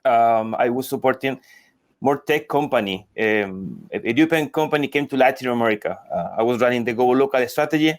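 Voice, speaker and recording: Halting man from Chile, dry sound. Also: medium pitch, dry recording. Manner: halting, searching for words. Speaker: panelist, e-commerce consultant. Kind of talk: casual panel intro.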